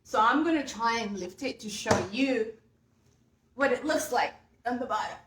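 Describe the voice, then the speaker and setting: A woman's voice: a little high, normal speed, reverberant, background noise. A young woman from Uganda, talking casually and upbeat to viewers while she works on a furniture project at home. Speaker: furniture painting vlogger. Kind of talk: casual chat while working. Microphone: camera mic.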